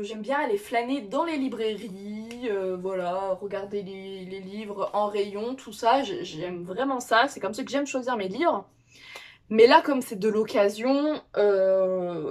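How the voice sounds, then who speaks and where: A young woman chats on camera about her new books, rambling and correcting herself as she goes. Her voice sits a little high for a woman, with lots of filler sounds between thoughts. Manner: rambling, many fillers and restarts; chatty, self-correcting. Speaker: book vlogger. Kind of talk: casual unboxing chat.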